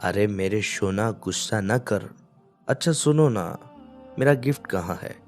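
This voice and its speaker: A man's voice: lowish voice, lively intonation, a little slow, darkish tone, faint music behind. A man voicing a cheeky, bossy young bride who teases her husband. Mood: teasing. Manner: bossy, teasing.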